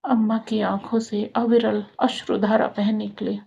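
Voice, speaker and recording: Slow gravelly woman storyteller. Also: medium pitch, little pitch movement, a little mellow, muffled recording. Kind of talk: scripted moral story narration.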